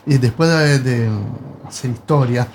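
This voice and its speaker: A man's voice: medium pitch, unhurried, slight background noise. A man, talking in a casual panel chat, hesitant and musing with many fillers. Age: 60s.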